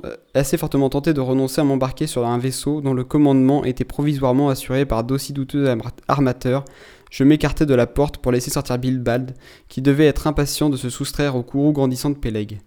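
A man reading a classic novel aloud, steady and measured in his storytelling, now and then stopping to restart a word. His voice sits at a middle pitch with a mellow, dark tone. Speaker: narrator. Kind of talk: audiobook narration of a classic novel.

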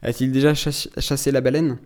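A man's voice: mid-range voice, level tone, a little fast, clean tone, lightly acted. Man voicing a blustering old sea captain. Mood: gruff, settled. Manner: blustering and loud when angered. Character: gruff old male sea captain, hot-tempered.

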